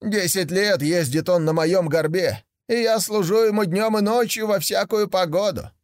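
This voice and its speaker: A man doing a high-voiced chatty camel. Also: normal speed, no room sound, studio quality, close to an everyday voice. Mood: surprised. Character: big patient male camel, long-suffering.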